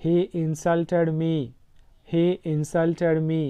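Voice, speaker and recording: A man with a Telugu accent teaching English phrases, saying each sentence slowly and repeating it. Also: a little high, completely flat delivery, dark tone, smooth. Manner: slow, deliberate repetition. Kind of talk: slow sentence drill, Telugu then English twice.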